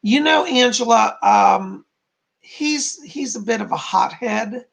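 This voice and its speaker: A man with a hoarse, croaky frog voice, giving live spiritual readings to donors as a psychic medium. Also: high-pitched, slow, a bit bright.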